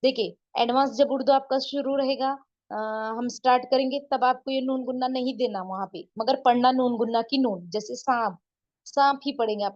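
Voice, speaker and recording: Woman teacher, fairly high voice, slow patient explaining, dull lo-fi sound. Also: darkish tone. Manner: patient, repetitive explaining with frequent checks like "isn't it?"; drawn-out demonstrations of word sounds. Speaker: Urdu teacher. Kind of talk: online beginner language lesson.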